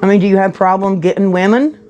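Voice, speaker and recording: A woman's voice: mid-range voice, fast talker, warm tone, dull audio, a little hiss or hum. A woman in a heated confrontation, bluntly scolding and interrogating a man. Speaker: vigilante group confronter.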